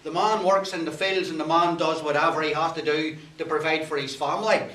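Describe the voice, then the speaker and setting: A man's voice: fairly high pitch, steady tone, a little fast, a loud crowd, natural voice. Man as defence lawyer, formal, protesting and stumbling, comic sketch, echoey and far from the mic. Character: earnest, flustered defence lawyer. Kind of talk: comic improvised courtroom sketch. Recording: distant echoey room with faint noise.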